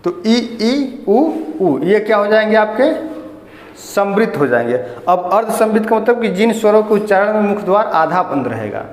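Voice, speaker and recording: A man's voice: high voice, big pitch swings, moderate pace. A man teaching a class, asking the students questions and repeating their answers. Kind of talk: classroom lesson. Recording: echoey hall.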